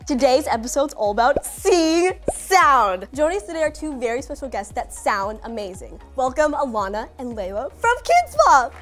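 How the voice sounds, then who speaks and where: A young woman hosting a kids' show in an excitable, casual way, peppering her talk with filler words. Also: high-pitched, normal speed, few pauses, faint music behind. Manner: excitable, casual, says "like" often. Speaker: show host.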